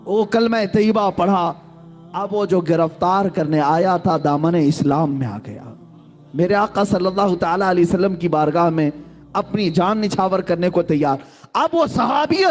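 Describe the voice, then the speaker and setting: A man's voice: darkish tone, faint music behind. A man preaching a sermon as a story, passionate, pushing his voice up into exclamations and repeating key phrases. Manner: impassioned, surging into high exclamations and repeating phrases.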